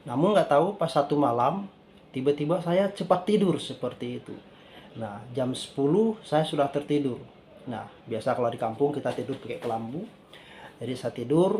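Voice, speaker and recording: A man in his thirties telling a personal faith testimony, often addressing listeners as dear brothers and sisters, growing animated as he tells the frightening part. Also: medium pitch, a little hiss or hum. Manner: repeats "dear brothers and sisters in the Lord", gets animated retelling the scare.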